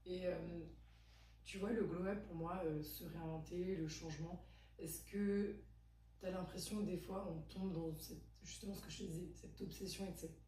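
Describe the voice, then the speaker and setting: A woman's voice: on the low side, steady tone, moderate pace, mellow. A woman in her twenties hosting a podcast, talking in a chatty, emphatic way and asking probing questions. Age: 20s. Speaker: podcast host. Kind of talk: casual conversation. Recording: echoey room, distant mic, faint hum.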